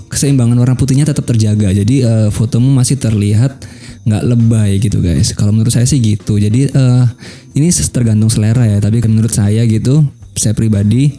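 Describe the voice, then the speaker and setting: Young guy explaining photo edits, really mellow low voice, chill and thinking out loud, soft music under it. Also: creaky. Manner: relaxed, thinks aloud with many fillers. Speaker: photo editing tutor. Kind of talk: casual screen-recorded tutorial.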